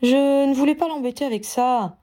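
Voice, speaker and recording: A woman's voice: high-pitched, normal speed, mellow, pitched above the performer's own voice, close to an everyday voice. A woman reading a storybook, voicing a reassuring young woman who plays things down. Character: young adult woman, soothing and downplaying.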